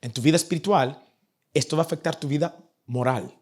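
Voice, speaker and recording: A young man preaching a sermon to his church, animated and acting out the people in his stories. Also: a little high, brisk. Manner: animated, acts out nagging parents in a raised voice. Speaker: pastor. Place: church in Vancouver.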